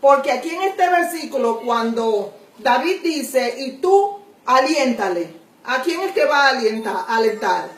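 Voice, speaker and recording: High slow-speaking woman teacher. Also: lively intonation. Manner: addresses listener directly with questions, repeats examples slowly. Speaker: Bible grammar teacher. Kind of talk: slow explanatory lesson. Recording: echoey room, voice from far off.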